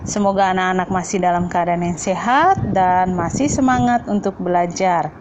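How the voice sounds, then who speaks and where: A woman teaches young children in a recorded lesson, her voice lifting in a bright, sing-song classroom manner. The sound is a little muffled, with a faint hum of noise behind her. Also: fairly low pitch. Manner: bright, sing-song address to children, slows to recite a poem. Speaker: primary school teacher.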